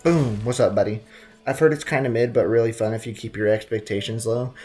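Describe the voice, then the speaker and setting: With game music in the background, a man speaks a little fast in a low, darkish, steady voice. He's a live streamer bantering casually with his viewers as he plays, full of jokes and slang.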